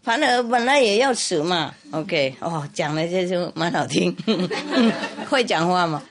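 Low-voiced woman telling a story. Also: lively intonation, measured pace. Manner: chatty, laughing, repetitive. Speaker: Buddhist master. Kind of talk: humorous storytelling sermon.

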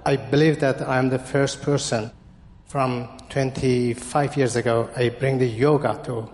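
Guy from iran asking a question, halting english, long hall reverb. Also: mid-range voice, fairly even intonation, a little mellow. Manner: hesitant, simple phrasing, halting. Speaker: audience member asking a question.

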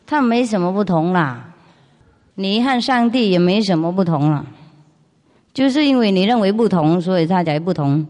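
A woman's voice: medium pitch, expressive, moderate pace, darkish tone. Foreign woman speaking Mandarin in a reverberant hall. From outside China. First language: not Mandarin. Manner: foreigner speaking simple Mandarin, with frequent rhetorical questions. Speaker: spiritual master answering questions. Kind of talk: informal spiritual question-and-answer talk. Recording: long reverb of a large hall.

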